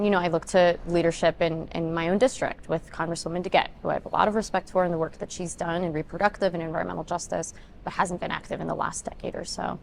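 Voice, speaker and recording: Twenties woman, political candidate, low creaky delivery, earnest long answers, faint background noise. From Ethiopia, raised in Denver. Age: 20s. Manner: earnest, talks in long run-on points with many ums. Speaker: congressional candidate.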